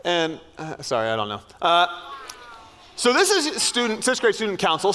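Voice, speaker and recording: A man's voice: on the high side, a bit bright. A man leading a school chapel assembly, joking playfully with the students.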